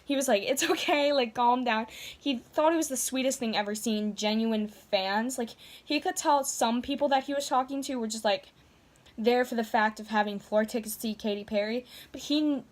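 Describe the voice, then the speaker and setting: A woman's voice: a little high, normal speed. A woman vlogger telling a story to camera in a gushing, casual way, filling her talk with "like". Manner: gushing, heavy use of "like".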